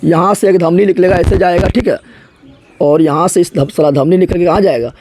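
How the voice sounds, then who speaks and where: Over a noisy background, a man with a high, steady voice teaches biology at a fairly quick pace. He keeps firing questions at the class and answering them himself, using colloquial, regional language.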